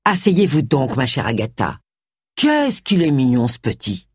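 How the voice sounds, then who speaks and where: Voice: mid-range voice, wildly swooping pitch, measured pace, a little mellow, slightly rough, no echo, studio quality, pitched below the performer's own voice, full character voice. A narrator voicing a kindly, fussing older housekeeper woman.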